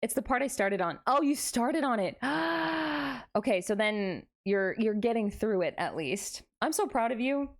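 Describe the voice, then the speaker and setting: Animated woman streamer with a highish voice. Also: a little slow. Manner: playful, chatting back to viewers. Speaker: variety streamer, VTuber host. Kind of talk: casual livestream chat.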